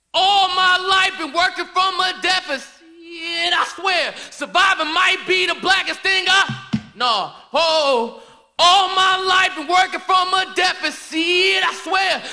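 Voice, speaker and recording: High bright man performing spoken word. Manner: rhythmic, half-sung, shouted refrains.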